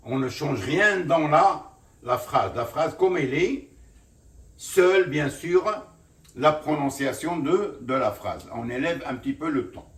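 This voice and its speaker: Man, French teacher, grammar lesson, slow and explanatory, lively pitch, roomy sound from a distance. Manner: slow, explanatory, repeats "bien sûr" often. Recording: roomy, from far off the mic.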